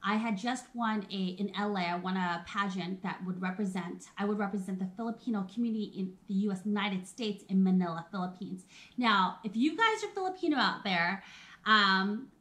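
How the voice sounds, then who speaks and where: This is a woman in her thirties with a mid-range, fairly bright voice and a slightly fast pace. Hosting an informal live video, she chats personally with her viewers, speaking right to them and laughing frequently.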